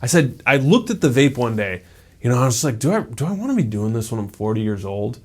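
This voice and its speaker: A man's voice: medium pitch, big pitch swings, fast talker. A man in his thirties giving a casual, conversational motivational talk as a self-improvement YouTuber, peppering his speech with "like" and "right?".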